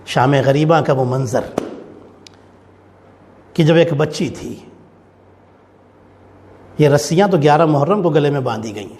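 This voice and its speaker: A man with a high voice delivers an impassioned mourning sermon to his listeners, rising into chanted lament. His voice rings out with a long reverb, recorded in a large hall. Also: darkish tone. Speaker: preacher.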